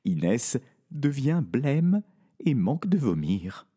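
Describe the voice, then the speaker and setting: A man narrating a children's audio story in a playful, expressive way. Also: mid-range voice, slow, husky. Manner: animated, playful.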